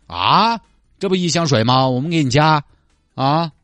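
A man playing an exasperated highway traffic cop who keeps scolding a stranded driver with incredulous questions in a comedy skit. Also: animated, normal speed, fairly bright tone, dry recording, faint music behind.

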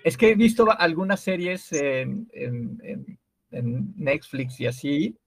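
Man, Mexican Spanish accent, casual host, curious questions, fairly high voice, dry close sound. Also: lively intonation, slow pace, vocal fry, no echo. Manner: curious, asks lots of questions, hesitant restarts. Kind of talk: casual group chat on a call.

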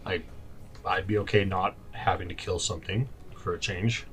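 Male tabletop player, low register, casual chat, noticeable background noise. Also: steady tone, moderate pace, fairly bright tone. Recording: clear background room noise.

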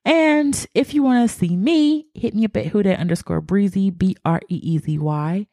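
A woman's voice: mid-range voice, normal speed, mellow, dry recording, clean studio sound. A woman co-hosting a podcast in casual chat, talking loosely with slang and laughing often. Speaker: podcast co-host.

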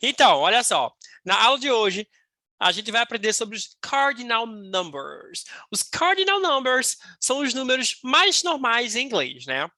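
A woman with a Brazilian Portuguese accent teaches an English pronunciation lesson. She repeats each word slowly and clearly so learners can copy it. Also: fairly high pitch, very animated, sharp tone, dry recording, soft background music.

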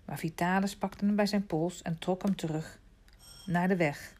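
Calm low-voiced woman storyteller. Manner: calm, measured, sinking to a hush at quiet moments. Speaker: audiobook narrator. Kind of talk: scripted storybook narration.

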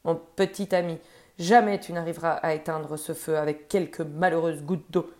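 A woman's voice: sits low, fairly even intonation, moderate pace, a little mellow, pitched below the performer's own voice, close to an everyday voice. A woman voicing a kind male god who has taken the form of a great eagle, pleading and tender in a storybook reading.

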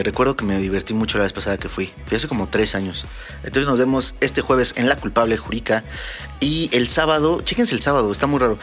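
A man with a Mexican accent, a DJ hosting a podcast, telling funny stories in a casual, animated way and swearing freely. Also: mid-range voice. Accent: Mexican Spanish. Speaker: DJ and podcast host. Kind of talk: casual comedic storytelling.

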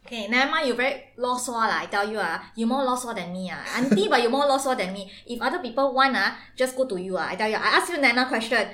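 A woman's voice: a little high, lively intonation, fast, few pauses, sharp tone. A woman playing a bossy, know-it-all middle-aged auntie in a comedy sketch, lecturing insistently in clipped Singlish with a Singaporean accent.

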